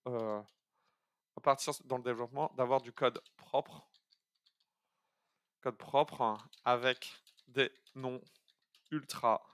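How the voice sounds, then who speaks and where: A man walks viewers through an algorithm on a live coding stream. He talks casually, stops and restarts his sentences, fills gaps with hesitations and thinks out loud as he goes. His voice sits in a middle pitch and sounds dry and close to the mic. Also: clean tone, no echo. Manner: chatty and hesitant, many fillers and restarts, thinks aloud.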